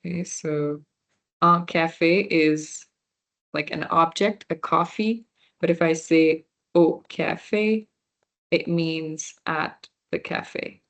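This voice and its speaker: Slow-talking young woman teaching beginner French. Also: low voice, fairly even intonation, a bit bright. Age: young adult. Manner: slow, explanatory, frequent fillers and restarts. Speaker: volunteer French workshop instructor. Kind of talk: slide-based beginner language lesson.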